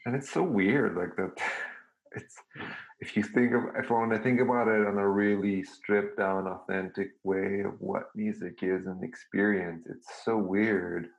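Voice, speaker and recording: A man's voice: fairly low pitch, fairly even intonation, a little slow, vocal fry, poor audio. A man from Serbia, a guest musician talking reflectively and searching for his words. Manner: thoughtful, searching for words, frequent restarts. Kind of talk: reflective casual conversation.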